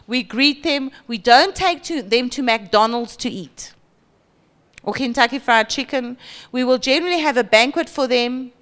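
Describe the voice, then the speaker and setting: A woman in her forties with a South African accent, preaching a sermon on a church stage into a handheld mic and mimicking boastful people. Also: normal speed. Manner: lively, acts out boastful voices with high pitch jumps. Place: large church hall stage.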